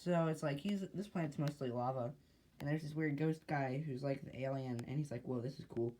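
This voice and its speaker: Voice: medium pitch, brisk, warm tone, slight background noise. A speaker casually narrating a homemade sci-fi short, hesitant and rambling with lots of fillers and restarts.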